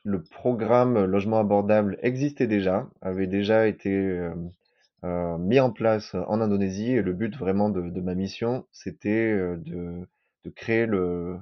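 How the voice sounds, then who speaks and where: A man in his thirties from southern France, with a very low voice, gives a personal testimony on a podcast. He speaks haltingly, restarting phrases and repeating words as he goes. The recording sounds dull and lo-fi. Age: 30s. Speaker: podcast guest sharing his experience.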